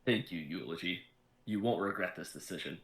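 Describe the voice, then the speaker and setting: A man voicing a proud, condescending male diviner in a tabletop game, speaking slowly and loftily. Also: sits low, gravelly, a bit bright, echoey room. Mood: haughty. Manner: lofty, self-important, slow delivery.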